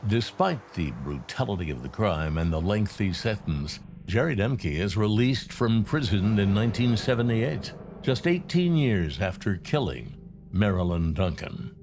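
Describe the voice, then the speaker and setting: A man reading scripted true crime narration in a dramatic, measured storytelling delivery. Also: on the low side, expressive. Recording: music playing behind the narration.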